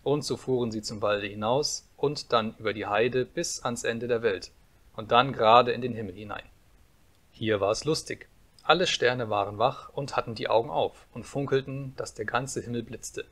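Guy reading a fairy tale audiobook, calm and steady storytelling. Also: medium pitch, moderate pace. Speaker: audiobook narrator.

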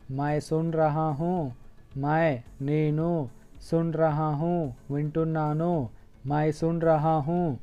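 A man with as his teaches Hindi sentences at a crawl, breaking each phrase apart and repeating it. His voice is mellow and smooth, a little higher than most men's. Faint music sits under a slightly dull recording. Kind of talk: slow language lesson, repeating phrases.

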